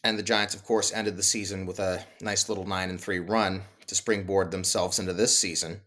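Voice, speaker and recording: A man hosting a solo postgame baseball show, talking animatedly with big swings in pitch and loudness and small self-deprecating laughs. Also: steady tone, normal speed. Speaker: sports podcast host.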